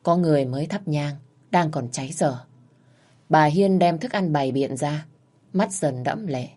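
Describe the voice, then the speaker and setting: A woman narrating a dramatic family story in a steady, measured way. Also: low-pitched.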